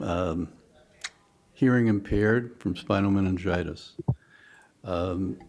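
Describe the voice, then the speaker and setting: A man with a low, deep voice introduces himself as a commission member. His delivery at the public meeting is deliberate, with pauses between phrases. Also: darkish tone.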